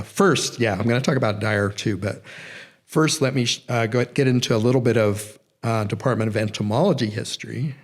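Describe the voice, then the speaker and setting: A middle-aged man giving a public lecture, rambling and correcting himself, with many fillers. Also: medium pitch. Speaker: guest lecturer. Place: nature center event room.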